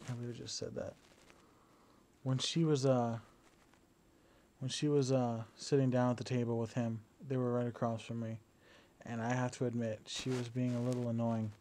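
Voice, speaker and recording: A young man lies down at home and talks into a battery-powered camera for a casual video diary. His mid-range voice moves at a normal speed with long pauses, and he sounds relaxed but hesitant, full of fillers and restarts.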